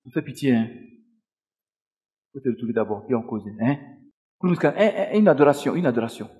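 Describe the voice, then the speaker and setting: A man's voice: medium pitch, lively intonation, brisk, warm tone, big-room sound. A man leading a deliverance service as pastor, commanding and repeating his words in a chant. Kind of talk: deliverance ministry. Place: church.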